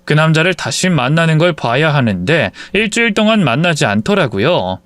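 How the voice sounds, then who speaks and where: A man reads a dramatic story with a lively, animated voice that rises and falls. The sound is dry and close, with no room around it. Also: a little high, moderate pace, no room sound. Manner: lively reading with acted dialogue. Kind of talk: scripted story narration.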